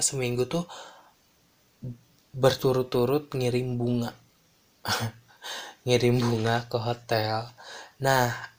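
Give me a young man, animated and casual, telling a story in slang. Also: mid-range voice. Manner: animated, slangy, mixes in English phrases.

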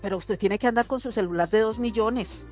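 Over soft background music, a woman with a fairly high, brisk voice shares everyday stories in a casual group discussion. A lively storyteller, she acts out other people's dialogue as she goes.

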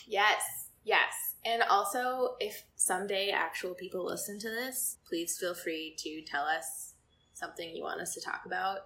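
A woman's voice: lowish voice, moderate pace, pushed and bright. A young woman co-hosting a casual podcast, chatty and giggly, with many "like" fillers. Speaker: podcast co-host.

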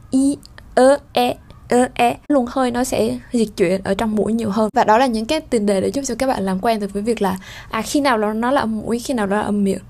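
Woman teacher, higher pitch, patient explanatory lesson delivery. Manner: explanatory, many fillers, demonstrates vowel sounds. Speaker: French pronunciation teacher. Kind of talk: spoken lesson.

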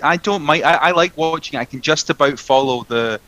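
A man co-hosting a podcast, chatting casually with a joking, animated manner. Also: on the high side, no room sound, rough recording. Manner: joking, animated, quick asides. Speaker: podcast co-host. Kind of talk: casual chat.

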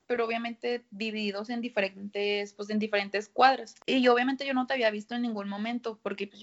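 A young woman with a Mexican accent, chatting casually and telling her side of a story in slang. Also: fairly high pitch. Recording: dull lo-fi sound.

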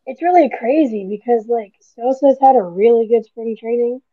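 A woman's voice: on the high side, moderate pace, noisy background. A woman co-hosting a podcast, chatting casually and gushing like a fan, with plenty of fillers. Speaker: podcast co-host. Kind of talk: casual chat. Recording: tinny phone-like line.

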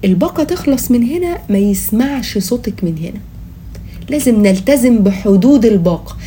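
A woman with an Egyptian Arabic accent hosts a casual comedy podcast. She talks quickly in a soft, relaxed tone with a mock-serious, playful delivery. Some ambient noise sits behind her. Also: on the high side. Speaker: podcast host.

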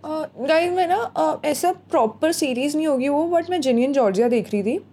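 Young woman, podcast co-host, chatty and teasing, slightly high, mellow voice. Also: normal speed, slight background noise. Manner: chatty, mixes Hindi and English, teasing. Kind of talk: casual chat.

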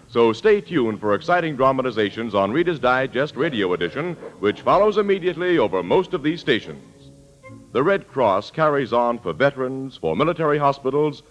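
An American radio announcer reads scripted copy in a formal, emphatic 1940s style. His voice is mid-range and a bit bright, with the lo-fi sound of a vintage radio broadcast.

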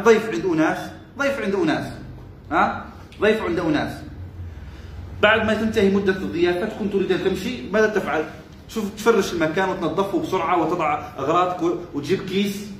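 Male religious teacher, high and rapid, prods listeners with rhetorical questions, repeats phrases; roomy echo. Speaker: sheikh teaching a religious text. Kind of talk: religious lesson with colloquial asides. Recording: roomy echo with faint background noise.

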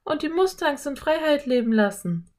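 A woman voicing a brave, excitable young girl in an audiobook. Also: high-pitched, normal speed, voice pushed up. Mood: eager. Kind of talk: audiobook character voice.

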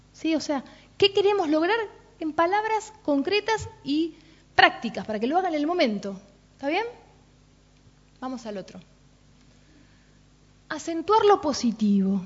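A woman with a Rioplatense accent, giving an informal parenting talk and checking in with listeners often. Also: sits high. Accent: Rioplatense Spanish. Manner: chatty, asks "¿no?" and "¿sí?" often. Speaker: parenting workshop speaker. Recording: dull lo-fi recording.

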